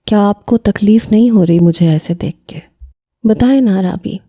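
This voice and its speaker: A woman voicing a lovesick nineteen-year-old young man who pleads softly, in a storybook reading. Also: mid-range voice, breathy edge, no room sound, lightly acted. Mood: pleading.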